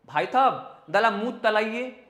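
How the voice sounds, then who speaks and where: A man voicing a male photographer who speaks with a childlike lisp and gives slow, polite instructions. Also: high-pitched, expressive, fairly bright tone, echoey room. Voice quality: lisping, childlike mispronunciation.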